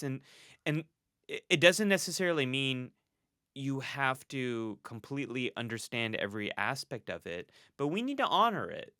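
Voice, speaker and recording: A man with a bright, forward voice talks candidly as a psychologist being interviewed. He is earnest and reflective and breaks into laughter between thoughts. The sound is close and dry, with no room around it. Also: a little high, no room sound. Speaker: clinical psychologist, podcast guest. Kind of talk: candid conversational storytelling.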